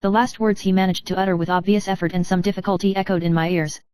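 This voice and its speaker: Smooth, clear woman reading a story. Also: mid-range voice, fairly even intonation, fast, a little mellow, no room sound. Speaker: narrator. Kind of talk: scripted first-person story narration.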